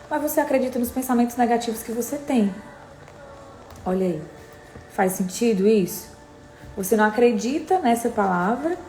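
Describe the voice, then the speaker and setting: A woman's voice: fairly high pitch, warm tone. A woman preaching a morning devotional, emphatic and repeating her exhortations to the listener, recorded in an echoey room. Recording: echoey room, faint background noise.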